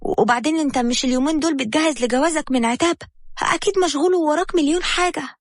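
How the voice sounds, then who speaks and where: Woman doing a high pleading young Egyptian wife. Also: racing, dry recording, clean studio sound, natural voice. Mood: defensive.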